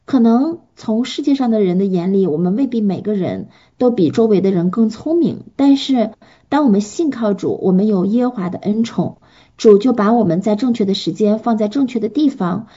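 A woman, a pastor's wife, preaching and answering questions in an earnest, gentle way with frequent fillers. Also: medium pitch, expressive, moderate pace, slightly rough, lo-fi sound. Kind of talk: sermon and Q&A teaching.

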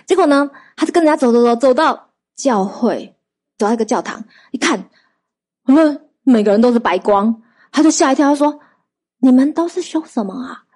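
A woman preaching, her voice sitting a little higher than most. She tells testimonies in a lively, conversational way and keeps asking her listeners questions. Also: a little fast. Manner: lively storytelling with rhetorical questions to the audience. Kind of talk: sermon.

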